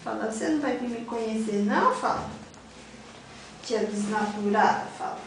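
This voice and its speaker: A woman's voice: on the high side, moderate pace. A woman coaxing a baby in sing-song baby talk in a home video. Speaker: caregiver talking to a baby. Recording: echoey room with background noise.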